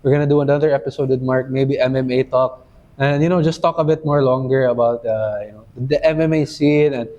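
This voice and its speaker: A man's voice: medium pitch, fairly even intonation, brisk, a little mellow. A man hosting a podcast in casual chat, talking loosely with lots of "you know" fillers. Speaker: podcast host. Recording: dull lo-fi sound.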